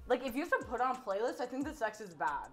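A woman in her twenties, a guest in a casual chat, quick with wisecracks. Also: fairly high pitch, big pitch swings, a bit bright. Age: 20s.

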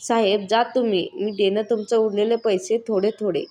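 A woman's voice: mid-range voice, steady tone, normal speed, warm tone, lightly acted. A woman voicing a poor, hardworking village wife in a spoken story, pleading and defiant.

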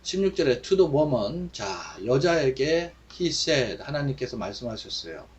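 Slow, patient male Bible English teacher. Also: mid-range voice, very animated, dull audio. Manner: reads English verse slowly, then explains in Korean with fillers. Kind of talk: Bible English lesson, reading and explaining verses.

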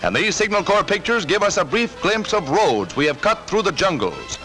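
A man narrating a 1940s wartime newsreel in a brisk, punchy, patriotic manner, heard as an old newsreel soundtrack. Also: sits high, very animated. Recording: narration over loud music.

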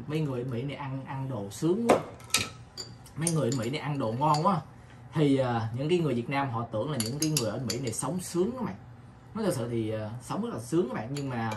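A man's voice: mid-range voice, background noise. A man with a Southern Vietnamese accent talks casually in a home kitchen vlog. He repeats himself and keeps asking the viewers "right?". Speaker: vlogger.

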